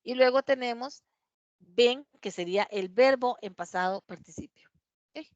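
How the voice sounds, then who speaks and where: Woman, English teacher, dry sound, slow careful examples. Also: a little high, no echo, highs cut off. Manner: reads English examples aloud slowly, checks with "¿verdad?". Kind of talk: classroom grammar explanation. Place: classroom.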